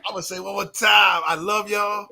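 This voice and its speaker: A man with a slightly raised, bright voice speaks earnestly and openly about how much the group means to him. His delivery is casual and sincere. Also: sits high, fairly even intonation, normal speed. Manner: earnest, warm-hearted thanks. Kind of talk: casual banter on a livestream.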